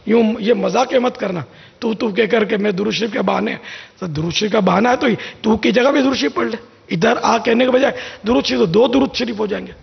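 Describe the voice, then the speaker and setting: A man's voice: high-pitched, vocal fry. A man giving an informal religious talk, telling anecdotes in a conversational way and acting out the lines he quotes. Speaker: religious scholar giving advice. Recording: dull lo-fi sound with long reverb.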